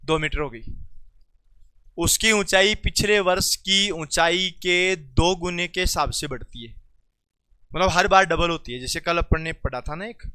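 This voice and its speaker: A male classroom teacher with a Rajasthani accent and a bright, crisp, clear voice. He teases and coaxes his students by name, calling out loudly, then drops lower to explain problems step by step. The sound is dry and close. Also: no echo. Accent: Rajasthani Hindi. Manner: teasing, coaxing students by name; loud calls to class, then quieter explaining. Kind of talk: classroom lesson.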